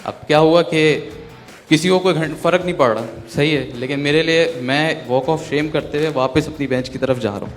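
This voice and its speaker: A young man performing a self-deprecating stand-up set on a university stage, swinging between loud bursts and hushed asides. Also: fairly high pitch, normal speed, faint music behind. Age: young adult. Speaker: stand-up comedian. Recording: live stage in a reverberant hall.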